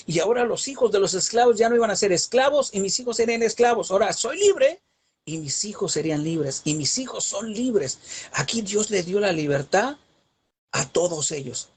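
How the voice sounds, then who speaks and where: A man with a slightly husky, fairly high voice delivers a Bible teaching. He preaches emphatically, pressing his points with rhetorical questions and rising cadences. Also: darkish tone.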